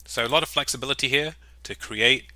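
Chatty man demoing software, bright voice. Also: medium pitch, a little fast, no echo. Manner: upbeat, chatty, jokey asides. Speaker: software walkthrough presenter. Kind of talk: casual screen-recorded software tutorial.

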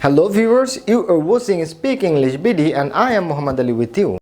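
A man with a Bangladeshi accent teaching English pronunciation, slowly repeating each example word with emphasis. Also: on the high side, sing-song, over music. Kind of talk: pronunciation lesson.

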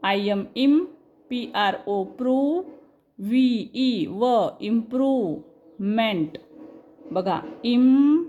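A woman with a fairly high voice runs an English reading lesson at a slow, deliberate pace. She sounds out each letter of a word, then says the whole word and explains it in quick bursts. She talks straight to her students and keeps checking that they understand. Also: expressive, phone-quality sound. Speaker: English teacher.

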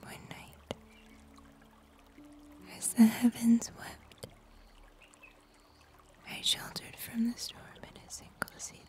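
Here a young adult ASMR performer voices a gentle, comforting summer angel, speaking into a close, sensitive microphone in a breathy, soft whisper. Her pitch is fairly high and stays monotone as she slowly and deliberately works through the scripted story, her mood tender and calming.

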